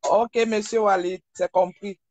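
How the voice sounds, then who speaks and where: Man, very high voice, casual questioner. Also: steady tone, a little slow, darkish tone.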